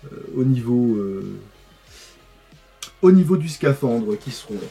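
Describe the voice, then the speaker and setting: Male host, mellow timbre, rambling hands-on chat, faint music bed. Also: mid-range voice, sing-song, unhurried. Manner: rambling, many fillers and repeats. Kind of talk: casual chat while assembling models.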